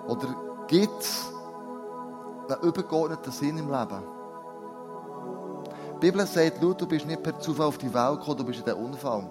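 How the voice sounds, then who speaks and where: Earnest preacher with soft music. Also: male voice, fairly high pitch, animated, normal speed, pauses often. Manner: earnest, asks the listener many direct questions. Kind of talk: sermon. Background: soft new-age music.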